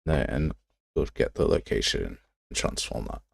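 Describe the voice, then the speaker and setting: With an animated, unhurried bass voice that's creaky and edged with breath, a man runs a game development livestream as a casual live tutorial. He thinks aloud while working, rambling informally and making fun of himself, with no echo on the recording.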